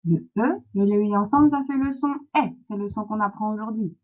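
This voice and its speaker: A woman with a French accent teaching a phonics lesson to young children, slow and clear, encouraging, sounding out words syllable by syllable. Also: mid-range voice. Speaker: primary school teacher. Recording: dull lo-fi sound.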